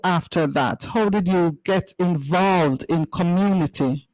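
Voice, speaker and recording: A man's voice: sits high, unhurried, a little mellow, no echo, poor audio. A male radio host interviewing a guest, stumbling and repeating words as he asks questions.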